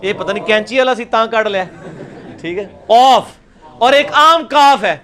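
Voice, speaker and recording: A man teaching a recitation class over a video call, repeating each sound slowly and loudly for his students. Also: very high voice.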